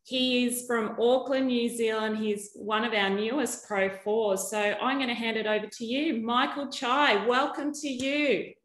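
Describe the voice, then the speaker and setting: A woman's voice: on the high side, steady tone, a little slow, hardly any pauses, fairly bright tone. A woman hosting a conference, effusive and appreciative, repeating phrases for emphasis as she thanks and introduces speakers. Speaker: conference host. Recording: echoey, roomy sound.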